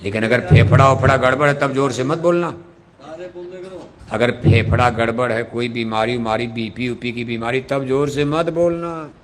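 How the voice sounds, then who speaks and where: A man preaching a devotional sermon into a microphone, firing off rhetorical questions and leading the crowd in shouted call-and-response. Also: mid-range voice, steady tone, moderate pace. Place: open gathering before a large audience.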